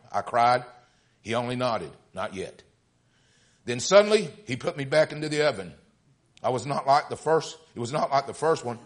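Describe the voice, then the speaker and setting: A man's voice: mid-range voice, natural voice. A man voicing a suffering, pleading male teacup in a story he reads aloud during a sermon.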